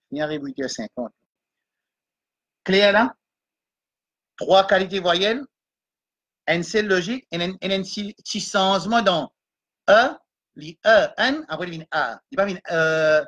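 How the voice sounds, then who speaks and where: In a muffled recording, a man teaches Quran reading slowly and repetitively, pronouncing each letter, vowel and syllable in turn for his class. He moves between French, English and Arabic terms, and his voice sits high for a man with a bright, forward tone.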